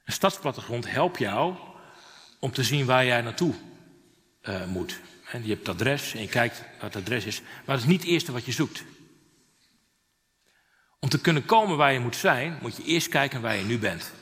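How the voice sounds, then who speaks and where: A male preacher telling a story from the pulpit, swinging between animated rises and quieter moments. His voice is bright and forward, and it rings out with a long hall reverb. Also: medium pitch, normal speed, long pauses. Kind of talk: sermon.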